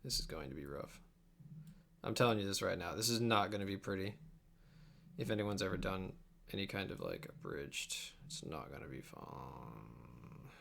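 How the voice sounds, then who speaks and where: A young man chats on his livestream as he edits an abridged anime dub at home, distracted and mumbling his thoughts aloud. His low voice is animated, creaky, a bit bright and breathy at the edges, at a normal speed. Faint keyboard clicks and room noise are audible.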